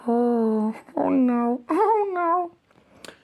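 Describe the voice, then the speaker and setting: A woman's voice: high voice, animated, very slow, vocal fry, darkish tone. A woman in comic banter playing an eager, childlike servant, deferential yet teasing.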